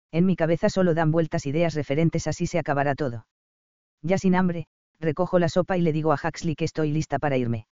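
Narrador de audiolibro, tranquilo y parejo, voz un poco aguda, sonido sordo sin eco. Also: male voice, on the high side, dark tone, clear, resonant tone, dry recording. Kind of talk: scripted narration of a romance novel. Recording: dull, dry audiobook recording.

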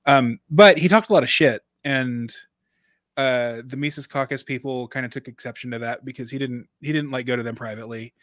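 A man with a bright, forward voice chats loosely on a podcast, rambling and circling back to correct himself. The recording is close and dry, with no room sound. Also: medium pitch, a little fast, dry recording. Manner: rambling, self-correcting, chatty. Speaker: podcast co-host. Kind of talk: casual conversational podcast chat.

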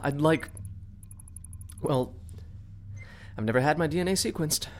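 A woman's voice: sits low, animated, measured pace, a little hiss or hum. An unsure young male recruit. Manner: hesitant, rambling. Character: uncertain young male new crew recruit.

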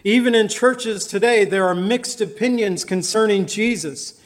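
Man, pastor, high-pitched, sermon, measured scripture reading. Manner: prays aloud in plain earnest words. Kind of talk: verse-by-verse sermon.

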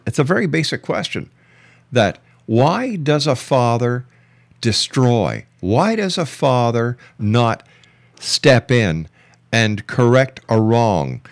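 A middle-aged man hosts a radio talk show, giving an interview mixed with argumentative commentary. He speaks insistently and emphatically, repeating phrases for effect, in a mid-range voice with no echo.

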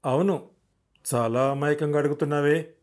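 A man's voice: a little high, fairly even intonation, moderate pace, a little mellow, lightly acted. A man voicing a shrewd, commanding male investigation officer who questions directly and warns. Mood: knowing. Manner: direct, warning.

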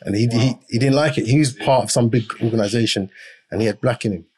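A man's voice: mid-range voice, fast, a little mellow. A man, arguing his point at length in a casual podcast discussion. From England. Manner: argumentative, explains at length. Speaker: podcast host or guest.

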